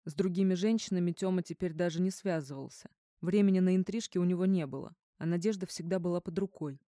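Woman narrator, audiobook reading, measured delivery, mellow lowish voice, dry close sound. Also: no room sound. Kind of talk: scripted narration.

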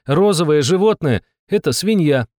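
A man's voice: high-pitched, normal speed, clear, resonant tone, dry recording, clean studio sound, pitched above the performer's own voice, natural voice. Man voicing a bossy barking girl mage. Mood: impatient. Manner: barking, impatient. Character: bossy sharp-tongued young woman mage.

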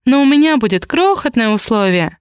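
A woman voicing a petite young heroine who speaks shyly and softly, yet holds her ground firmly and calmly. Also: fairly high pitch, brisk, clear, resonant tone, no echo. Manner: soft, shy, then firmly insistent. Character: young woman, small, stubborn, calmly firm.

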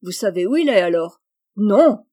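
A woman reading aloud, voicing a hot-tempered teenage girl who shouts and accuses in a storybook. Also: a little high, normal speed, voice pushed up, natural voice. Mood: accusing.

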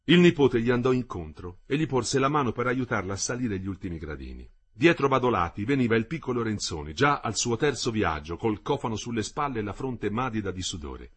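Husky man reading a novel aloud. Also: mid-range voice. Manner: measured, expressive reading. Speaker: audiobook narrator.

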